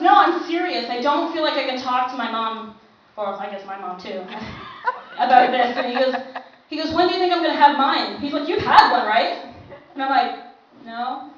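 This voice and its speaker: High-voiced woman doing stand-up. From Canada. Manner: laughing often while telling the story. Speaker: stand-up comic and host. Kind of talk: stand-up comedy routine. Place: comedy club stage. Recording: echoey club from far off, dull muffled sound, background noise.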